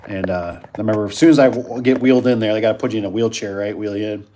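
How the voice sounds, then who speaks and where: A man's voice: on the low side, fairly even intonation, fast, mellow. Easygoing rambling male streamer. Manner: rambling, repeats himself, easygoing. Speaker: host of a live stream. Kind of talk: casual chat, reacting to viewers.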